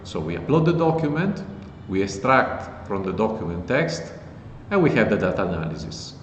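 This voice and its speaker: A low-pitched man talks through a software walkthrough in a relaxed, matter-of-fact way. The recording is echoey, with a long reverb tail and faint background noise. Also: moderate pace, dull audio. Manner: relaxed, plain explanatory talk. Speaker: host explaining code. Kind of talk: casual tech tutorial.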